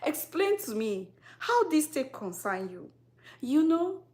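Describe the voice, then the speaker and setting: A Cameroonian woman with a fairly high voice talks straight to her phone camera, set up on a tripod. She is sassy and teasing, with lots of rhetorical questions and quick laughs. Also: big pitch swings, a little mellow. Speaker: skincare vlogger. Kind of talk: casual direct-to-camera talk.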